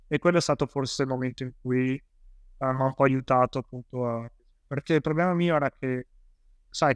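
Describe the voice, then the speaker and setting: A man's voice: mid-range voice, clean tone, dry recording, studio quality. A man from Italy, a police officer, telling his story as an interview guest in a rambling way with many fillers and restarts.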